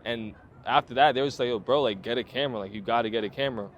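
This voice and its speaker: Racing through his story, a male photographer in his twenties speaks in a mid-range voice over dull-sounding audio. The interview is relaxed, and he leans heavily on slang, fillers and swearing.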